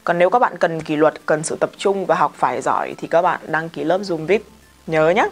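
A woman English teacher with a Vietnamese accent, modelling words and example sentences slowly, then chatting quickly in asides. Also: low voice, animated. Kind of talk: vocabulary pronunciation lesson.

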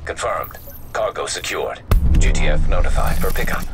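An actor voicing a terse, emotionless tactical computer that gives clipped, procedural alerts in a video game. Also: male voice, low-pitched, moderate pace. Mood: flat, procedural. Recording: loud music and game gunfire behind.

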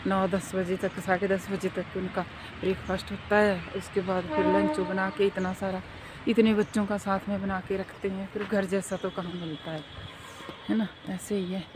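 A woman's voice: mid-range voice, normal speed, noisy background. Chatty middle-aged woman vlogging outdoors. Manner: chatty, keeps asking for agreement with tag questions; animated storyteller. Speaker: vlogger and mother. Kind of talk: casual walking vlog chat. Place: outdoor park on a foggy day.

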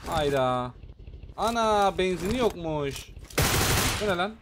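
A man hosting a gaming channel, giving excitable live commentary on a shooter match and chatting casually with his viewers. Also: high voice, slow, background noise.

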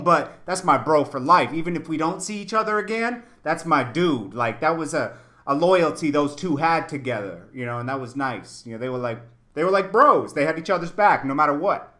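Indoors on a video call, a man with a slightly high, pushed and bright voice hosts a hip-hop interview. He's casual, slangy and talkative, speaking emphatically and often repeating phrases.

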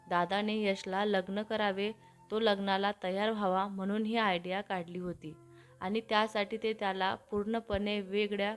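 A woman narrating a family story in an even, storytelling manner. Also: medium pitch.

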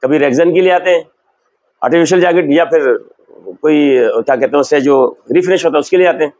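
A man's voice: on the high side, fast, darkish tone, dry recording. An older man from Pakistan, a leather shop owner explaining his goods in a sales demonstration, on a lapel mic in a large shop. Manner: explanatory, shows goods while talking.

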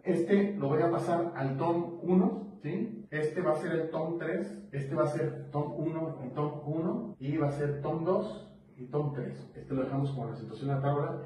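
A man's voice: on the high side, moderate pace, dark tone. A man teaching a drum lesson, explaining rhythm step by step and counting beats aloud. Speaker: percussion teacher. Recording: roomy, distant mic with faint noise.

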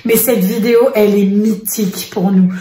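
A woman's voice: medium pitch, moderate pace. Chatty woman vlogger in an echoey room. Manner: animated storyteller, lots of fillers. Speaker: vlogger mother. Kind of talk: casual chat. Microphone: face camera.

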